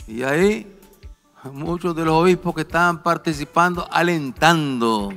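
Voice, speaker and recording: A man gives a public speech, slow and emphatic, leaning hard on each phrase. The sound carries a long hall reverb, with faint music behind him. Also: a little high, a bit bright. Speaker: political leader giving a speech.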